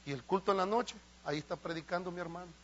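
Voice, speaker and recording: A man's voice: high-pitched, quick pace, fairly bright tone, dull audio, a little hiss or hum. A man preaching a sermon as a pastor, impassioned and asking his congregation questions. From El Salvador. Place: church.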